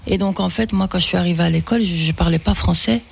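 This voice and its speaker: A woman singer who speaks Fula natively is a guest in a casual interview, her voice low-ish, husky and fast with vocal fry. She hesitates a lot, restarting sentences and repeating words.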